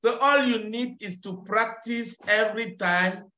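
A middle-aged man teaches English over a video call. His voice sits high and bright, and he takes his time, repeating corrections and slipping into to explain. The call audio sounds roomy. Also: a little slow. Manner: patient, corrects and repeats phrases, switches to French to explain. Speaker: English tutor. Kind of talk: online English lesson. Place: small office with tiled walls. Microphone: webcam on a video call.

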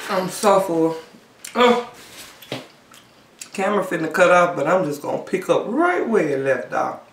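A woman's voice: on the low side, a little slow, noisy background. A woman hosting a mukbang video, chatting casually and joking in slang while eating, in a small room. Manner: relaxed, joking, slangy banter. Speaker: mukbang channel host. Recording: echoey small room, far from the mic.

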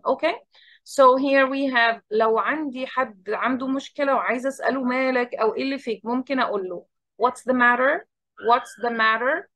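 A woman with an Egyptian Arabic accent teaching English, explaining quickly in Arabic and modelling English phrases slowly and carefully. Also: on the high side, pushed and bright, dry recording. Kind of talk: bilingual English lesson.

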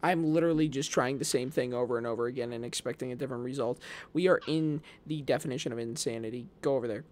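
A man streaming live and rambling excitedly at his chat, swinging from loud hype to low muttering. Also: fast talker. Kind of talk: live gameplay commentary to chat.

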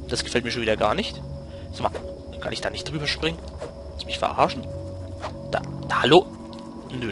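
A young man with a mid-range voice hosts a let's play, delivering slangy commentary that sinks into mumbles and erupts into loud shouts when fights break out.

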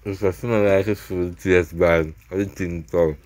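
Outdoors on his wooden veranda at home, a middle-aged Jamaican family vlogger chats casually in patois, recorded on a handheld phone. His voice is low, a little slow and fairly even in intonation, with a noisy background. He often repeats his phrases.

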